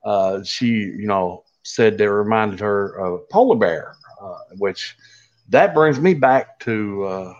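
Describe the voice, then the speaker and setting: A man's voice: lowish voice, darkish tone. Folksy Appalachian Kentucky man, dull lo-fi audio. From Kentucky, USA. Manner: folksy, halting, unhurried telling. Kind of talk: casual oral storytelling.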